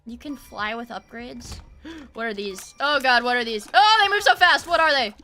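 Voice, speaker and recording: A woman streaming a game, chatting casually with excitable shrieks, gasps and swearing. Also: a little high, moderate pace, soft background music. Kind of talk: casual gameplay commentary.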